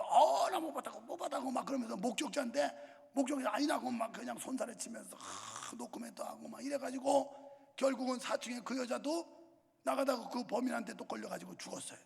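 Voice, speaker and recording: A man's voice: very high voice, vocal fry, slightly rough. A pastor in his sixties preaching a sermon in a church, telling stories in a casual, colloquial way with scolding outbursts. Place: church sanctuary. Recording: long church reverb.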